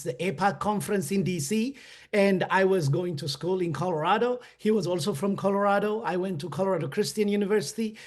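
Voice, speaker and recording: A man from Ethiopia speaks with a notably high, light voice. He tells his story as a webinar guest, earnest and halting, with frequent fillers and restarts. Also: a little mellow.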